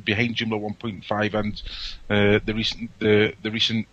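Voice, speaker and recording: A Scottish man with a broad accent, fairly low-pitched and fairly bright in tone, talks at a moderate pace with a completely flat delivery. He's a podcast guest representing a template company, joking casually and often restarting phrases. The audio-only remote call sounds dull, muffled, and lo-fi.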